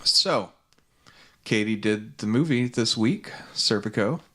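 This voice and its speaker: Texas guy cohosting a podcast, easygoing and rambly, lowish voice, studio mic. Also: slow. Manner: relaxed, rambling, lots of fillers. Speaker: podcast co-host. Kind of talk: casual chat. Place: home studio.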